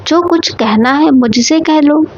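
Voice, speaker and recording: A woman's voice: sits high, unhurried, darkish tone. Woman as patient husband, soothing, dull sound. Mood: calm. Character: gentle young husband, calm and patient. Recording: dull lo-fi recording.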